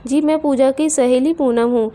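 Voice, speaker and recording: A woman's voice: high-pitched, steady tone, normal speed, mellow, close to an everyday voice. A woman voicing an outspoken young female friend in a storybook tale. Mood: plain. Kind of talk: storybook character voice.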